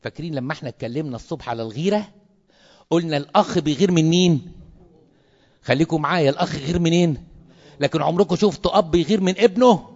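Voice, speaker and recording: A man speaking with an Egyptian Arabic accent, a priest addressing fellow clergy in an animated sermon-style talk full of rhetorical questions. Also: a little high, fast, long pauses, lo-fi sound.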